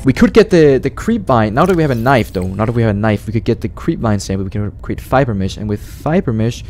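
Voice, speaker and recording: A man doing casual gameplay commentary, thinking out loud in an excitable, repetitive way. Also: mid-range voice. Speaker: gamer, let's player.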